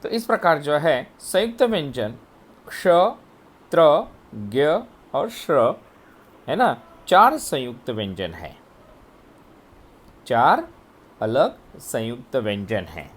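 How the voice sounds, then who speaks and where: A man teaching a grammar lesson, explaining letters and sounds slowly, step by step. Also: mid-range voice, huge pitch swings. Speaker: Hindi teacher. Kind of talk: recorded classroom lesson.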